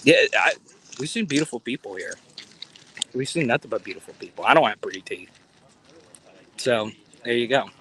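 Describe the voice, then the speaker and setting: Bright-voiced man chatting on a phone livestream. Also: mid-range voice, expressive, moderate pace, long pauses, a little hiss or hum, poor audio. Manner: rambling, chatty, jokey asides to viewers. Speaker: sports fan channel host. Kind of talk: casual livestream chat. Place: outdoors in a city, near a palace.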